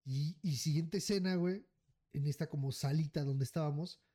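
A man's voice: on the high side, normal speed. A man with a Mexican accent telling a story in casual podcast chat, swearing freely and tacking "güey" onto nearly every phrase. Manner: animated, acts out the people in his story. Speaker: podcast co-host.

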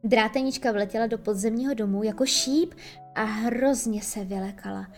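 A woman with a high voice narrates a children's fairy tale as an audiobook. Her delivery is expressive and storytelling, and soft music plays faintly behind her. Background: faint background music.

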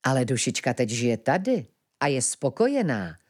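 A woman voicing a scheming male villain, gentlemanly and falsely polite, with a gloating, mock-courteous manner. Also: a bass voice, sing-song, pitched below the performer's own voice, exaggerated voice. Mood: oily politeness.

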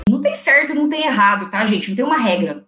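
A woman trainer who talks loudly and teaches office phone manners, acting out short phone exchanges as she goes. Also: fairly high pitch, animated, quick pace, reverberant, loud music behind the voice. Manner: loud, didactic, acts out phone dialogue. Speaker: secretarial trainer. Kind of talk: instructional interview answers.

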